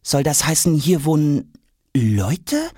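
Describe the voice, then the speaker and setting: A man's voice: a little high, wildly swooping pitch, slow pace, warm tone, slightly rough, no echo, clean studio sound, voice pushed up, exaggerated voice. A man doing a curious, impatient young boy. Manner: eager, pleading when upset. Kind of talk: audiobook character voice.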